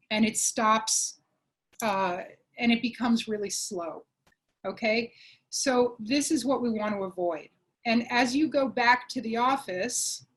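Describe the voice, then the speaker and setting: A woman giving an online workshop presentation, explaining clearly and checking in with her listeners with a frequent "okay?". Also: a little high. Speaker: webinar presenter.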